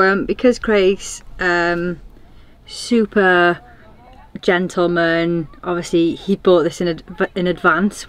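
A British woman chatting excitedly in a casual travel vlog, outdoors in a small town, saying "like" a lot. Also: lowish voice. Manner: chatty, excitable, says "like" often. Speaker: vlogger.

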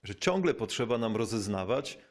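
A man with a fairly low voice gives a reflective spiritual talk. He is thoughtful and unhurried, pausing often and dropping in small fillers, and slows down to stress the key words. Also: big pitch swings. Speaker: bishop giving a spiritual talk. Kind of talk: reflective spoken teaching.

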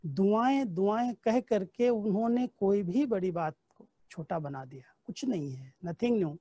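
A man's voice: sits high, animated, measured pace, mellow, no room sound. A man giving a spiritual class, telling personal anecdotes and recounting conversations from memory. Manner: storytelling, recounting dialogue from memory.

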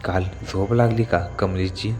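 A man's voice: lowish voice, a little slow, a little mellow, long reverb tail, natural voice. A man putting on a sly young ghost woman. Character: mysterious beautiful young female ghost.

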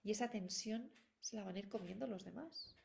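A woman's voice: mid-range voice, fairly quick, vocal fry, darkish tone, slight background noise. A middle-aged woman gives parenting advice in a solo talk, talking directly to her listeners and repeating her points. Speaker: parenting educator.

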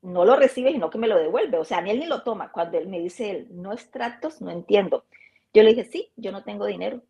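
Mellow-voiced woman telling a lively story. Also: medium pitch, a little fast, gravelly, breathy edge. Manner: animated, acts out dialogue in her anecdotes. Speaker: interview guest. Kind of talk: casual storytelling.

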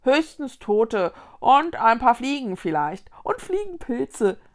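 A woman's voice: a little high, big pitch swings, measured pace. A woman voicing a playful, giggling forest creature made of cobwebs and branches, childlike in manner.

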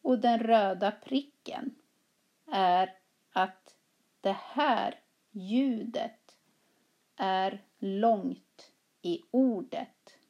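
A woman teaching a language class, reading both parts of a practice dialogue slowly and clearly with careful articulation. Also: medium pitch, dull audio. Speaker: Swedish teacher.

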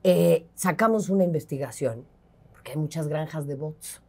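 A woman's voice: low-pitched, normal speed, dark tone. A woman with a Mexican accent, a football analyst speaking frankly and animatedly in a casual interview, swearing casually.

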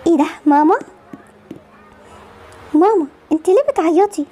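Generous young Egyptian woman, voiced by a woman, cheerful and reassuring, high voice. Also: normal speed, warm tone. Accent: Egyptian Arabic.

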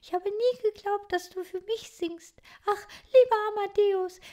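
Woman doing a squeaky sweet little girl bird, sing-song, way up high. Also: unhurried, dark tone. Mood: delighted. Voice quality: melodic. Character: gentle young female blue tit bird.

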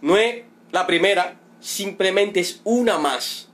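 In a livestream, a middle-aged Cuban father of a detained protester makes an emotional, indignant appeal. His voice is high and animated with a fairly bright tone, and he pleads repetitively, drawing out words for emphasis.

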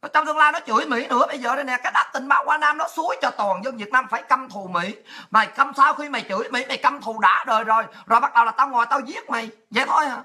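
Fast, brassy Southern Vietnamese woman ranting. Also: high voice, slightly rough. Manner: aggressive, crude, taunting, often shouting. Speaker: livestream host. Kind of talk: political rant.

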